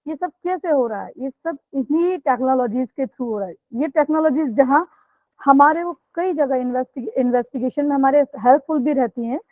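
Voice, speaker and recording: A woman's voice: high voice, moderate pace, no echo, narrow, tinny audio. A woman police sub-inspector giving a guest talk in a webinar, earnest and explanatory, speaking straight to her listeners. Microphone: video call microphone.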